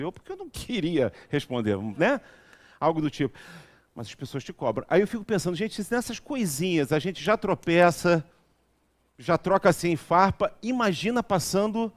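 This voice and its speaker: A man delivers a relaxed spiritual talk in a somewhat high voice. He tells everyday anecdotes and keeps checking in with his listeners in a chatty, storytelling manner. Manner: chatty, storytelling, frequent asides asking the audience. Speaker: lecturer at a spiritist center.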